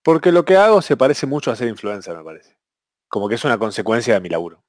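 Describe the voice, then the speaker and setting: A man with a Rioplatense Spanish accent answers as a podcast guest in casual chat, joking with dry humor. His pitch swings widely, and the recording sounds close and dry. His voice sits at a middle pitch. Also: big pitch swings, fast talker, no room sound.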